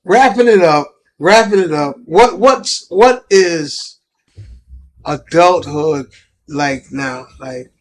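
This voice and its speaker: A man's voice: on the high side, slow. Slangy Brooklyn man with a raised voice. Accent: New York. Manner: slangy, peppers talk with "yo". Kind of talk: casual chat.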